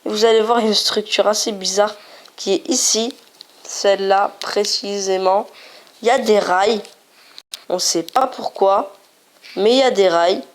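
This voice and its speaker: Slow-talking woman narrating a game. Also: medium pitch, steady tone. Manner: playful, repeats herself, chatty asides. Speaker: gaming video host. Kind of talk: casual game commentary.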